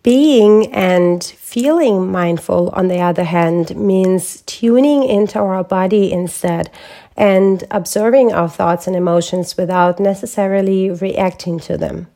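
A woman hosting a wellness podcast, speaking as a holistic health coach in a calm, measured, reflective way from a prepared script. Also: medium pitch. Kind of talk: scripted solo podcast talk.

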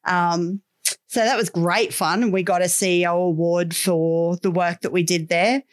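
A woman's voice: fairly low pitch, steady tone, normal speed. A middle-aged Australian woman telling stories in a casual interview, with a candid, wry, colloquial manner. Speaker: podcast guest, business owner.

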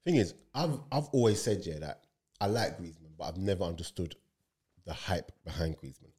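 A man, co-hosting a casual football podcast, animated and talking over his co-host. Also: deep voice, moderate pace.

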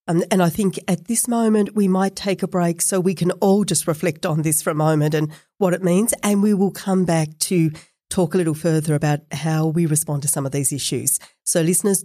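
Measured woman hosting, warm tone. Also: on the low side, no room sound, studio quality. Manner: measured, thoughtful, some fillers. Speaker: podcast host. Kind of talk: hosting an academic discussion.

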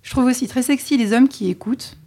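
Mellow-voiced chatty woman. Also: a little high, fast. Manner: chatty and candid, with frequent hesitations. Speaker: podcast co-host being interviewed. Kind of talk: casual interview answers.

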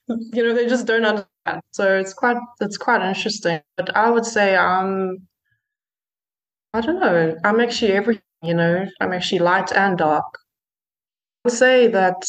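A female musician guest, speaking a little slowly in a medium pitch, stumbles through a relaxed interview full of fillers and false starts. The recording has its high frequencies cut off.

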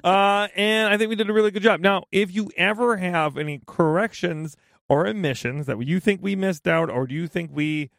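A woman's voice: on the low side, normal speed, vocal fry, no room sound, studio quality. A woman hosting a home-repair advice podcast, chatting casually in a playful, joking, self-teasing way. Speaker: podcast host.

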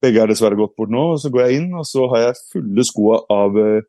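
A man's voice: fairly low pitch, warm tone, dry recording, clean studio sound. A man giving a casual explanatory talk, reflective, with frequent hesitations and restarts. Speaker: speaker.

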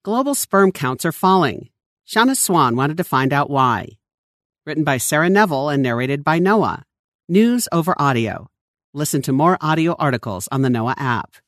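A narrator giving an expressive scripted reading of a long-form news feature article. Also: mid-range voice, moderate pace, no room sound, clean studio sound.

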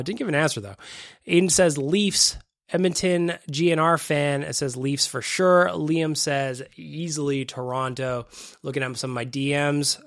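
Speaking in a mid-range voice, a podcast host chats casually and a bit self-deprecatingly on his solo show, recorded in his home studio. A cold leaves him stuffy and sniffly. His studio microphone captures the sound with no echo.

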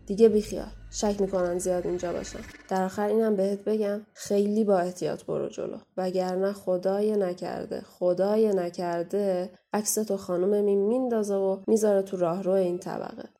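A woman playing a mocking, menacing young waitress who talks down to people and gives sharp warnings, in an audio drama. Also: medium pitch, steady tone, few pauses, natural voice. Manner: scornful, taunting, bossy. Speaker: guest voice actor.

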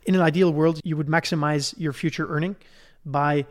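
A Belgian podcast host with a fairly high-pitched male voice explains things conversationally and didactically. He builds his points step by step, frequently checks that the listener is following, and speaks a little fast with fairly even intonation.

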